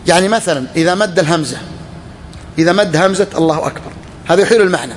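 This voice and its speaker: Brief: higher-voiced male sheikh leading a class, faint noise in the background. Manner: repeats each phrase, reads text slowly then explains. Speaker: sheikh teaching a book. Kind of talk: classroom lesson on Islamic law. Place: lesson hall with students.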